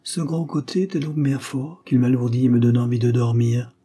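A man's voice: mid-range voice, moderate pace, mellow, slightly rough, lightly acted. A man reading the lines of a frightened older English aunt in a storybook, with an anxious, complaining tone. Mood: drowsy.

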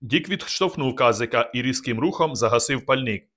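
This is scripted audiobook narration by a male reader with a mid-range voice. His delivery stays calm and measured throughout.

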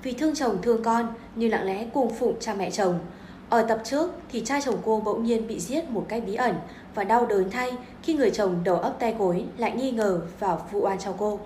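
A woman's voice: a little high, moderate pace, mellow. A woman host introducing the next episode of a story series in a formal announcing manner. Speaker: channel host. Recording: echoey with faint background noise.

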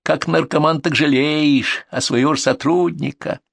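A man's voice: fairly high pitch, fairly even intonation, a little slow, vocal fry, fairly bright tone, no echo, pitched above the performer's own voice, full character voice. A man voicing a tough young male paramedic who speaks in a threatening, scornful way, in a storybook reading.

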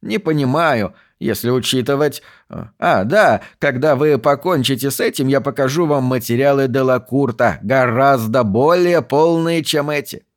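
A man voicing an excitable, talkative old male museum archivist who snorts as he speaks, in a raised voice. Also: mid-range voice, moderate pace, lightly acted. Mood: eager.

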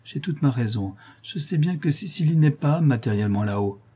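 A man's voice: medium pitch, expressive, a little fast, dark tone, slightly rough, pitched above the performer's own voice. A man voicing a delirious middle-aged notary who rants feverishly and then turns to cold menace. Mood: feverish pleading.

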